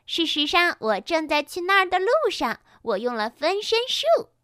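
A woman voicing a hyper, excitable little female pony in a storybook reading, squealing and rushed. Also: very high voice, no room sound, studio quality, voice pushed up, heavily acted. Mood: excited.

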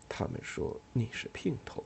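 A man voicing an anxious builder who pleads in a hushed voice in an audiobook. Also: fairly low pitch, animated, a little fast, creaky, breathy edge, full character voice. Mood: hushed pleading.

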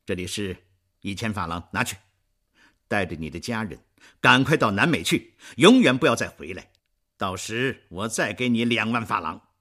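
A man voicing an earnest, emotional young man who speaks in a raised, loud, fervent way in a storybook reading. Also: lowish voice, moderate pace.

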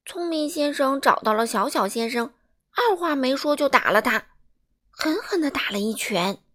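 Female storyteller for kids, animated, bright and expressive. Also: high voice, moderate pace. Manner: lively, expressive, dramatic. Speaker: storyteller for children. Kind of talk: children's picture-book reading.

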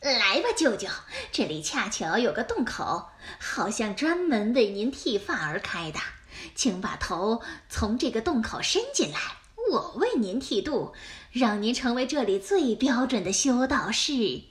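A woman voicing a sly, scheming male fox in a children's story, flattering and coaxing in a sugary way. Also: on the high side, a little slow.

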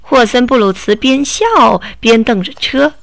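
A woman reading a children's story aloud, narrating slowly and deliberately. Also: fairly high pitch, expressive, vocal fry, no room sound.

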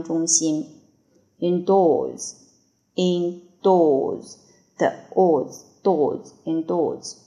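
A woman's voice: fairly low pitch, mellow. A woman teacher reading English vocabulary for dictation, spelling and repeating each word before giving its meanings.

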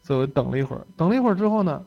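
A man's voice: fairly high pitch, sing-song, rapid-fire, creaky, lo-fi sound. Chatty young man telling lecture stories. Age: young adult. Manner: chatty, laughs often, tags phrases with "OK" and "是吧". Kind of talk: casual storytelling lecture.

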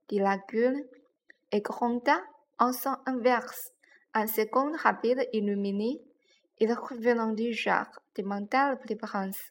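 A woman reading a children's story aloud, slowly and carefully, with gentle pauses. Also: on the high side, a little hiss or hum. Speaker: reader. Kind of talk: slow read-aloud storytelling.

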